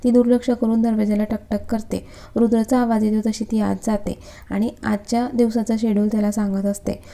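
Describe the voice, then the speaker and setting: A woman narrates a romantic serial story in a calm, scripted reading. Her voice is very dark and mellow, and her pitch barely moves. The delivery is even throughout. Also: fairly quick.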